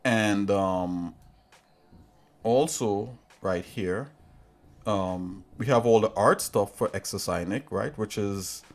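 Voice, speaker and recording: A man's voice: lowish voice, slow. A man hosting a casual livestream tutorial, rambling and chatting straight to his viewers from a home setup. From Trinidad and Tobago. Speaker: livestream host.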